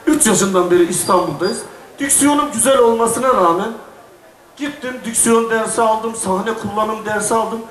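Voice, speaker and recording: A man's voice: high voice, normal speed, a bit bright, far from the mic. A middle-aged man from Istanbul, a folk singer chatting and joking with an audience from the stage, telling stories and laughing at himself. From Istanbul, Turkey. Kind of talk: casual stage chat to an audience. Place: stage at a crowded event venue. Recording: echoey venue, voice heard from afar.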